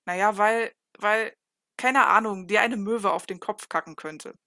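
A woman's voice: mid-range voice, a little fast, creaky, dry recording. Lady doing a flustered awkward young guy in an audiobook, stammers a lot, dry close sound. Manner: stammering, flustered, rising into excited bursts. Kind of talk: audiobook reading.

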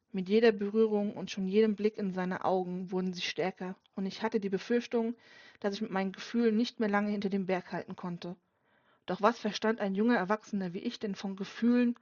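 A woman narrating a first-person audiobook in a calm, subdued storytelling manner. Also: mid-range voice, dry recording. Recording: dull dry lo-fi recording.

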